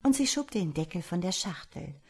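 Breathy, low-voiced woman reading a fairy tale. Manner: calm, measured storytelling. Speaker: narrator. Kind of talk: storybook reading.

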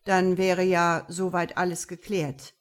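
A woman's voice: fairly low pitch, flat delivery, slow. A woman reading an audiobook, voicing a male police investigator in a formal, matter-of-fact way.

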